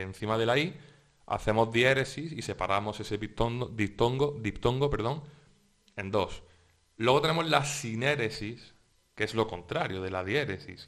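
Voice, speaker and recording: A man's voice: fairly low pitch, a bit bright. A man teaching a lesson on verse metrics, explaining step by step with frequent restarts and checking tags. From Spain. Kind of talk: exam-prep lecture.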